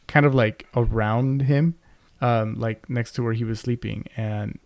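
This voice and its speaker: A man's voice: medium pitch, steady tone, unhurried, darkish tone, dry recording. A young man co-hosting a podcast, telling a family story in casual chat, rambling with many fillers and restarts into a close mic. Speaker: podcast co-host.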